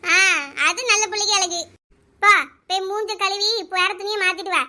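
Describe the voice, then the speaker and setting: A woman voicing a bossy, teasing female friend in a cartoon, with a Kanyakumari Tamil accent and a scolding, brisk way of talking. She keeps ordering and mocking her weepy friend. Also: very high voice, steady tone, pushed and bright, full character voice. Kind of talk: cartoon voice acting.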